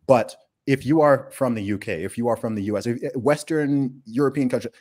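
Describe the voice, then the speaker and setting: With a mid-range voice and a brisk delivery, the podcast host, born in the UK and raised in Saudi Arabia, leads a casual conversation. He's animated, emphatic, fond of rhetorical questions, and prone to frequent restarts.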